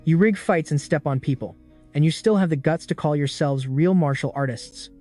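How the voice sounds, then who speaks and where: A man's voice: on the high side, moderate pace, mellow, faint music behind, close to an everyday voice. A man voicing a defiant young fighter. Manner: intense, defiant.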